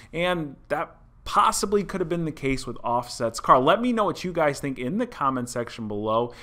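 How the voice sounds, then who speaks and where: A man in his thirties hosts a car vlog from an indoor room, speaking into a desk mic. His voice is bright and forward, with a mid-range pitch. He talks viewers through each point in a chatty, explanatory way. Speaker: car channel host. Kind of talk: casual vlog commentary. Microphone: desk mic in front.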